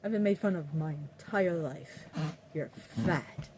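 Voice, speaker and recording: A deep-voiced middle-aged woman speaks at a moderate pace through a very noisy recording. With her Appalachian West Virginia accent, the vlogger rambles casually at her viewers in a blunt, defiant, sweary manner.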